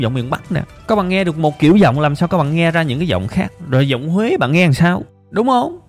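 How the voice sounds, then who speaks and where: A man, teaching an English listening method in an emphatic, coaxing way, speaking straight to viewers. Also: a little high. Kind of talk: lively motivational lesson.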